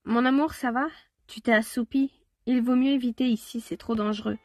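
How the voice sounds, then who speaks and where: A woman voicing a loving young wife on her honeymoon, who speaks softly and with care. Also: on the high side, steady tone, moderate pace, no room sound, close to an everyday voice. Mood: caring.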